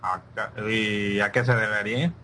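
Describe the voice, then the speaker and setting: A man's voice: lowish voice, steady tone, a little slow, pushed and bright, slight background noise. A man co-hosting a podcast over a call while his own words echo back on the line, puzzled as he fiddles with his microphone setup. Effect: his own words echoing back on his call line. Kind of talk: casual chat. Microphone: remote microphone on a call.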